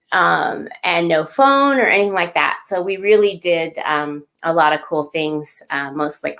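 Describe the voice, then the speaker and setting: A woman in her fifties, a guest in a casual video chat, relaxed and storytelling with easy laughs. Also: sits low.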